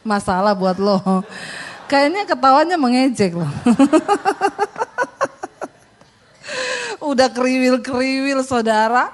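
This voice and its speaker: A woman pastor, preaching a sermon in a somewhat high voice. She tells stories with animated delivery and slips into the voices of the people she quotes. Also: slow pace, long pauses, a little hiss or hum.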